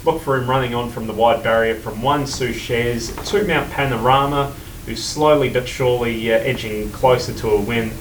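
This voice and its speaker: A man's voice: mid-range voice, normal speed. A man working as a racing tipster, giving horse form analysis and selections in conversation. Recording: roomy, distant mic, faint noise.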